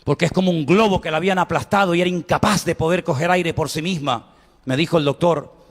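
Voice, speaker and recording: A male pastor preaches in a church, his voice sitting high for a man. He tells personal stories with lively energy, acting out cries and dialogue, and long reverb trails his words through the hall. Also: fast.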